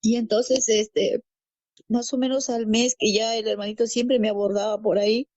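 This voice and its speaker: A woman's voice: on the high side, level tone, normal speed, darkish tone, no room sound, lo-fi sound. A woman from Peru telling her conversion testimony as a guest, storytelling and acting out quoted dialogue, repeating phrases. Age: adult parent. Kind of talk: personal faith testimony.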